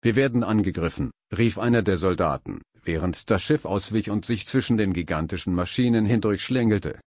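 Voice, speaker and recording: A man narrating a science fiction story in an even, dramatic reading style, close to the mic. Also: lowish voice, normal speed, no echo.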